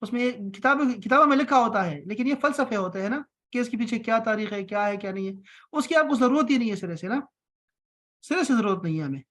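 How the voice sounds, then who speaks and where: A man's voice: extremely high pitch, quick pace, a bit bright. A man from Pakistan teaching an online Arabic class on a call, patient and encouraging, repeating each point.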